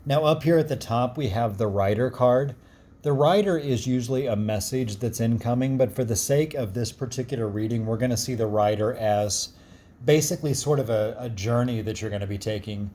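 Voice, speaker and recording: A man with a gruff voice explaining a card reading in a casual, reassuring and encouraging way. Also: medium pitch, fairly quick, dark tone. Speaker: card reader.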